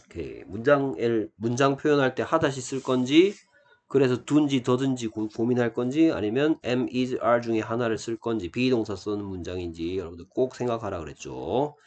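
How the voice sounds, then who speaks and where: A man teaching an English grammar lesson step by step, asking rhetorical questions and slowing down to model sample sentences. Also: fairly low pitch, darkish tone.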